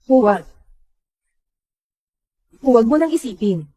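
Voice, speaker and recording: A woman's voice: a little high, animated, slow, warm tone, slightly rough, no room sound, full character voice, low-quality recording. A woman voicing every character of a dubbed drama in one plain voice.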